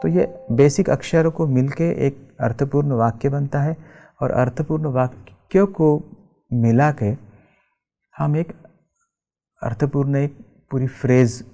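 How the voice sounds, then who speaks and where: A man's voice: mid-range voice, warm tone. A male tabla teacher giving a lecture, explaining terms patiently and mixing in English words. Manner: slow, explanatory, recites bols rhythmically, mixes English terms. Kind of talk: lecture with spoken tabla syllables. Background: tabla music.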